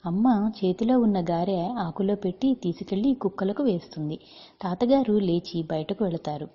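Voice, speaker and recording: A woman narrating a story in a steady, unhurried manner. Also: medium pitch, husky, highs cut off.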